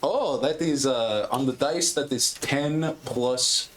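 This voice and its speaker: A man's voice: mid-range voice, takes it slowly, fairly bright tone, a little hiss or hum. A man playing a tabletop game, working through his dice rolls and rules step by step. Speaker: player.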